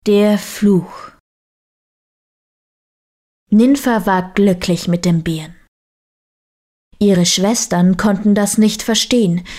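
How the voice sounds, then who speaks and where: Female storyteller, very slow, mid pitch, calm bedtime-story read. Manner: slow, deliberate reading. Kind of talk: storybook narration.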